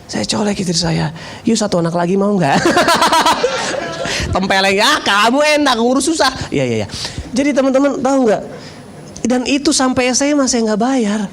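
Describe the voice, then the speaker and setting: A man in his thirties, a pastor preaching in a sermon, telling a personal story with jokes, swinging between loud bursts and low confiding tones. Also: fairly quick, vocal fry, slight background noise. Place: church online service.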